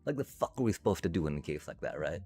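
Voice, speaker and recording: A man's voice: low voice, very animated, rapid-fire, dark tone, breathy edge, soft background music. A man streaming a card game, ranting profanely with frustrated laughs between lines. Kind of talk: casual gameplay commentary.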